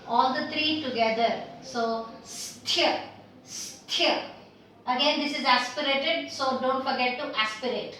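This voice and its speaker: A woman teaching Hindi letters and sounds, patiently repeating each sound slowly for learners. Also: high-pitched, a bit bright, a little hiss or hum. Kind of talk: language lesson. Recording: roomy echo, mic at a distance.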